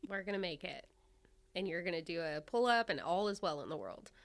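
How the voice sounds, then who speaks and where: A woman's voice: fairly low pitch, lively intonation, fairly quick. A woman co-hosting a podcast in casual, joking, self-deprecating banter, talking with her lip tucked in from a cold sore. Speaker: podcast co-host.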